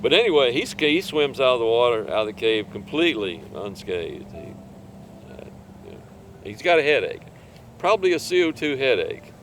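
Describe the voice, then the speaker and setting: Older male cave diver, interview storyteller, relaxed and rambling, mid-range voice, faint noise behind. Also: mid-range voice, normal speed. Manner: relaxed, rambling, chuckles between points. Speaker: cave diver recounting a rescue.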